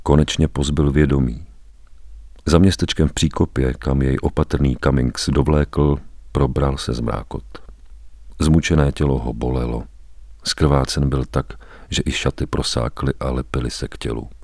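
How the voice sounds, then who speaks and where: A man reading a story aloud as a narrator, grave and measured, with weighty pauses. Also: rumbling low, fairly even intonation, a little mellow, no echo. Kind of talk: dramatic audiobook narration.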